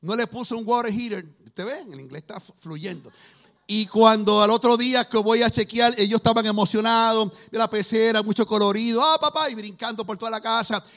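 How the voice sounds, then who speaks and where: A middle-aged man preaching, telling testimonies as a lively storyteller who acts out the voices he quotes. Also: high-pitched, brisk. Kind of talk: testimony sermon.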